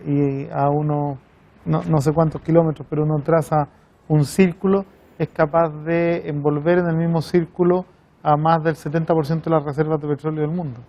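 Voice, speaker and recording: Man in a doc interview thinking out loud, slightly muffled lo-fi sound, faint room noise. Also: on the high side, level tone, normal speed. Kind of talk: documentary interview. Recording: dull slightly lo-fi audio.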